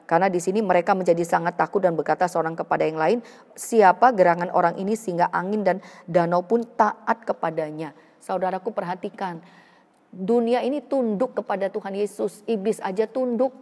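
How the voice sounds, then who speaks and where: A woman pastor delivers a sermon in an easy, conversational way, often turning straight to her listeners. Her voice sits at a middling pitch. The sound carries the long reverb of a church hall. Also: darkish tone. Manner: conversational preaching, repeated direct address to the congregation.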